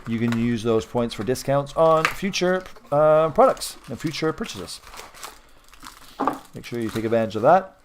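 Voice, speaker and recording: A man's voice: medium pitch, animated, moderate pace, noisy background. A man hosting a live card-breaking stream, talking in a chatty, rambling way with frequent self-corrections. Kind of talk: casual live-stream chat.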